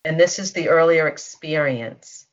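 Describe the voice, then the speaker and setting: With faint music behind, a mid-range voice at a measured pace facilitates a soothing guided energy-healing session, prompting listeners to say statements after it. Recorded over a dull lo-fi teleconference line.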